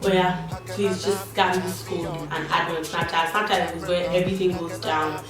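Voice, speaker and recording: A young Nigerian beauty vlogger chats candidly while doing her makeup, tossing in slangy asides. Her voice is fairly low and level at normal speed. The room is echoey, the mic distant, with background music playing.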